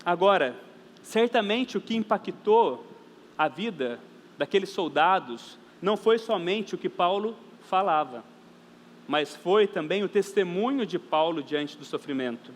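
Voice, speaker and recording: A man's voice: high-pitched, animated, a little slow. A man with a Brazilian Portuguese accent preaching a sermon as pastor, earnest and emphatic, repeating phrases for stress and addressing the congregation as brothers and sisters. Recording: reverberant church hall, faint background noise.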